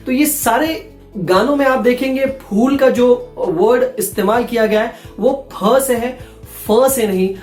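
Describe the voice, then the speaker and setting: A man's voice: extremely high pitch, measured pace. A man, a voice-over artist, giving a casual, playful spoken lesson and talking to viewers as friends. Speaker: voice-over artist teaching pronunciation. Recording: roomy echo with faint background music.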